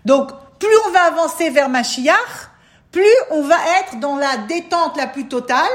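A woman with a high voice explains spiritual teaching to someone in conversation. She is emphatic and coaxing, and she keeps calling for attention. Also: measured pace, a bit bright. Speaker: spiritual advisor.

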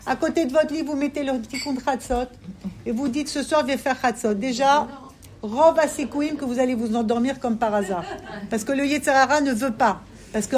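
A woman's voice: high-pitched, a little mellow, a little hiss or hum. A woman giving an impassioned sermon to a women's gathering, pleading and repeating herself for emphasis. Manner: fervent and pleading, with emphatic repetition. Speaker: religious women's teacher.

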